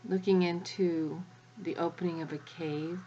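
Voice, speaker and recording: A woman leading a guided spiritual energy activation as the guide, speaking in a measured way with long pauses between short phrases. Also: on the low side, steady tone, mellow, highs cut off, a little hiss or hum.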